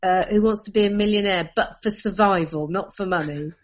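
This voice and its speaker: Animated woman telling stories. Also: mid-range voice, brisk. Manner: animated storyteller, laughing through anecdotes. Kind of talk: casual chat.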